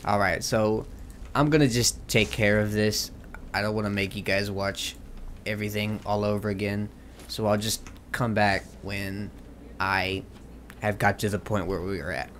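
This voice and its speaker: A man's voice: lowish voice, little pitch movement, normal speed, a bit bright, slight background noise. A man hosting a gaming video with casual, rambling, jokey and slangy commentary.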